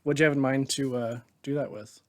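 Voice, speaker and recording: With a brisk delivery and medium pitch, a man acts as game master for a tabletop game, narrating scenes descriptively and easily, with frequent chuckles.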